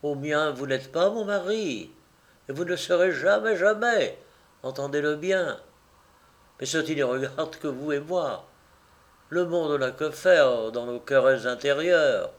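A man voicing a proud, unloving young wife in an audiobook, speaking in a firm, measured, icy way. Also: a little high, natural voice. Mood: coldly firm. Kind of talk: audiobook reading.

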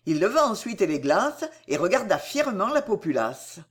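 A woman narrating an old novel as an audiobook, in measured storytelling phrases. Her pitch moves animatedly through each sentence. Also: big pitch swings, husky. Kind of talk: audiobook reading of a classic novel.

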